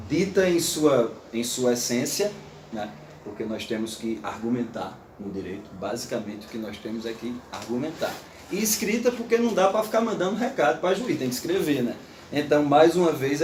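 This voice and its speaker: A man's voice: medium pitch, roomy sound, far from the mic, a little hiss or hum. A man giving an informal, playful lecture to an audience. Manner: animated, playful, recites verse aloud.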